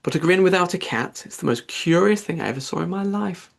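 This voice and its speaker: A man's voice: high-pitched, animated, brisk, creaky. A man voicing a polite, curious young girl in an audiobook, talking in an earnest, questioning way. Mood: wondering. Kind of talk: audiobook character voice.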